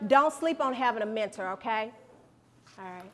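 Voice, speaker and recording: A middle-aged woman giving a motivational speech to students, animated and preacherly, repeating lines for emphasis. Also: fairly high pitch, normal speed. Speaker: guest speaker.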